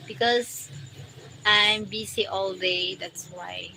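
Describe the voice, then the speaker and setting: A woman with a Filipino accent chatting casually on a livestream, reading viewers' names and comments aloud in halting English and laughing often. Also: medium pitch, fairly even intonation, bright, forceful tone, a little hiss or hum, low-quality recording. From Philippines. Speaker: live streamer.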